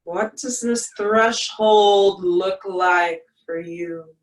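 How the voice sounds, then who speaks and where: A meditation guide speaking in a soothing yoga-teacher manner, leaving long pauses between short, gentle phrases. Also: mid-range voice. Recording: echoey room, distant from mic.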